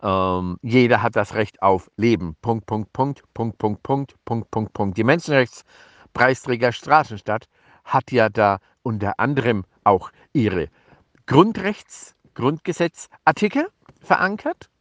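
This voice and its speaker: A man giving an improvised statement to press representatives, speaking in formal, bureaucratic phrases broken up by pauses and fillers. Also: medium pitch, animated, no room sound, muffled recording. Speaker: advocate making a press statement.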